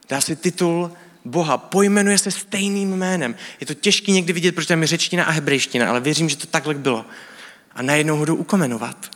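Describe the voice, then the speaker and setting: A man's voice: a little high, fairly bright tone. A man giving a sermon, explaining things in a casual, teaching way with colloquial speech. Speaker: preacher. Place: church hall. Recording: church hall with long reverb.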